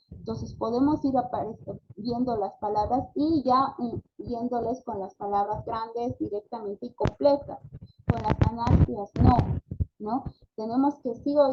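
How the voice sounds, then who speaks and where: Slow, gravelly-voiced woman lecturing. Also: a little high. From Bolivia. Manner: hesitant, many fillers and tag questions; demonstrates syllables and words aloud. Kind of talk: online postgraduate lecture. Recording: lo-fi call audio with background noise.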